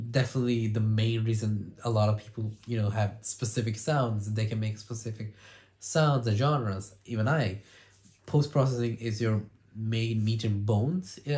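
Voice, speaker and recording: A man's voice: mid-range voice, a little mellow. A man with a cold and a congested voice, talking through sound design tips in a loose, rambling way with lots of "you know" and restarts. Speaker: music producer and video host. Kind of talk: casual sound design tutorial.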